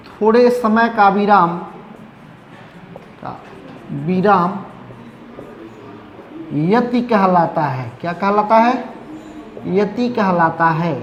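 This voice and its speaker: A male teacher giving a classroom lecture, asking questions and answering them himself, and repeating definitions slowly as he writes. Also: very high voice, lo-fi sound. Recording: echoey room with faint noise.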